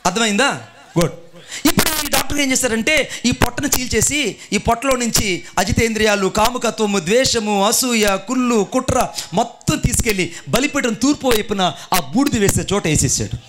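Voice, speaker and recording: A man's voice: extremely high pitch, moderate pace, music in the background. A male pastor preaching a sermon, telling a story and calling on the congregation to answer and clap. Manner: animated preaching with audience call-and-response.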